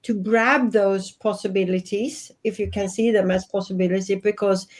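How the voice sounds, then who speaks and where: This fifty-something guest is a life and business coach from Sweden whose Swedish accent comes through as she speaks with earnest reflection. Her pitch is mid-range, her tone steady, and her pace normal.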